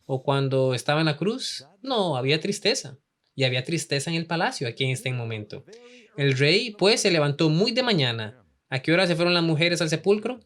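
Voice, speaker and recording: Un hombre que enseña una lección bíblica en español y hace muchas preguntas al público. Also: male voice, a little high, sing-song, brisk, a bit bright. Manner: asks the audience many questions. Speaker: Bible teacher. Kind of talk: Bible study lesson in Spanish.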